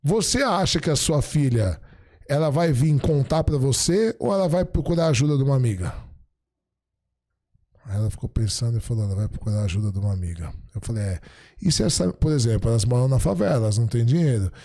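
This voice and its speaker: A middle-aged man, a podcast guest, chatting casually and telling stories, acting out the dialogue he quotes in an animated way. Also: mid-range voice, fast talker. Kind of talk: casual storytelling chat.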